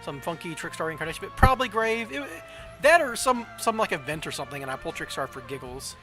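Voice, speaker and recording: On a casual card game livestream, a Southern American streamer from the southern US muses aloud and second-guesses his plays. He speaks fast in a sing-song voice on the high side, over music.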